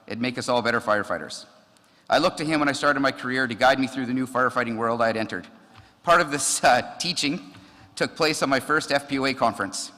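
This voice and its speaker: Male firefighter, eulogy speaker, casual storyteller, mid-pitched voice, reverberant hall. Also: sharp tone. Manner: conversational storytelling, frequent ums and laughs. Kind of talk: memorial tribute with anecdotes. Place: memorial service in a hall. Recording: long reverb of a large hall.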